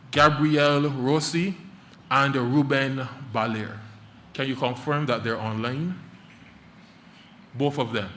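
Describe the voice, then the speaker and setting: A man's voice: a little high, fairly bright tone, slight background noise. A man serves as moderator of a conference panel, setting out the format and introducing speakers in a formal, announcing manner. A faint ambience of the venue sits under his voice. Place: conference hall.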